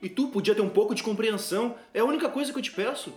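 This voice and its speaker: A man's voice: high-pitched, racing, lightly acted. A man acting a defensive husband who is exasperated and lashes out. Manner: exasperated, swinging between whining and shouting. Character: defensive, cornered husband who turns cruel. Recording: roomy sound with guitar music.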